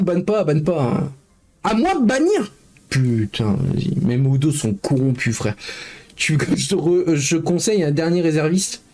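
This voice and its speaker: A man live streaming, chatting casually with his viewers, joking in mock indignation and sometimes turning low and downbeat. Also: darkish tone. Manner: talkative, jokey mock-indignation, mumbling and downbeat at times.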